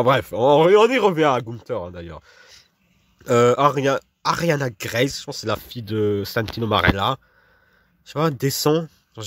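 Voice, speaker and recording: A man's voice: lowish voice, no echo. A young man casually rambling through wrestler rankings in slangy, dismissive talk full of fillers. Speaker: wrestling commentator ranking a roster. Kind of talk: casual monologue.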